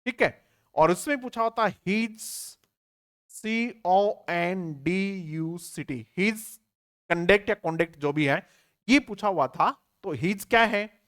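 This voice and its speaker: Slow and animated, with a high, fairly bright voice, this man teaches an online exam-prep English lesson. He asks rhetorical questions and answers them himself, spells words out letter by letter, and speaks to students familiarly to check their understanding.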